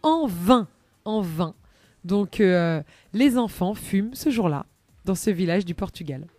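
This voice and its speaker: A woman presents a chatty live radio magazine segment, bubbly, playful and expressive. Her mid-range voice moves a little slowly, and there is no room sound.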